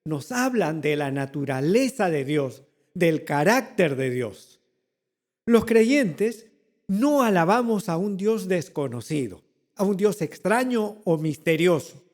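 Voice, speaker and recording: Male pastor, high voice, slow deliberate sermon delivery with repeated phrases and rhetorical questions. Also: a little mellow, in a large hall. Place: church.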